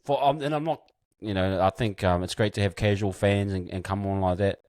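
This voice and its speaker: Low-voiced New host man. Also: fairly quick, no room sound, studio quality. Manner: relaxed, thoughtful, hesitant, restarts often. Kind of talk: casual chat.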